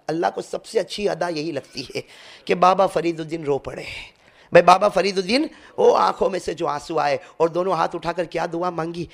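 A man giving an impassioned sermon, swinging from loud to hushed and calling his listeners friends and brothers. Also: on the high side, gravelly. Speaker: preacher.

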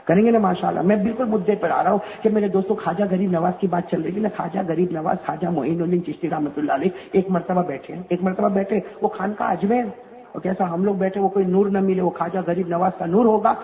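A male preacher giving a storytelling sermon, animated and rhetorical, calling on the audience to answer back. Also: sits high, muffled recording, a little hiss or hum.

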